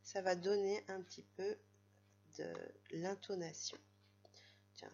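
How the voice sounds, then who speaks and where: A woman with a French accent teaching a primary school reading lesson, speaking gently and patiently straight to a child at home. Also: medium pitch, breathy edge, dull audio. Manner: slow, gentle, patient, addresses the child directly.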